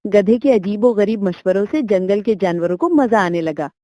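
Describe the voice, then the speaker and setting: A woman narrating a children's cartoon story in a lively, light comic way. Her voice is mid-pitched and close, with a dry sound and no room around it. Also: moderate pace, no echo.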